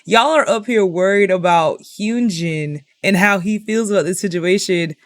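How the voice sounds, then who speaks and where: A young woman giving an indignant commentary rant, piling up rhetorical questions and filling pauses with "like". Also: mid-range voice, dry recording. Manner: indignant, exasperated, repeats herself with rhetorical questions; heavy use of "like" as filler. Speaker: commentary vlogger.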